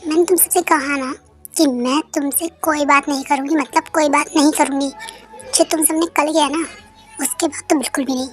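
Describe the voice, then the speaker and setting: A young performer voicing a short-tempered young woman who scolds her friends with sharp retorts in a fan-dubbed audio story. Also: high-pitched, steady tone, fairly quick, soft background music, lightly acted. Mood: angry.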